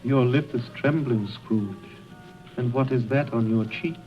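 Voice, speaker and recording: An actor voicing a solemn, commanding ghost guide in a radio drama, speaking formally and putting grave, measured questions. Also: male voice, mid-range voice, close to an everyday voice. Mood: probing, grave. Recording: muffled radio broadcast with music underneath.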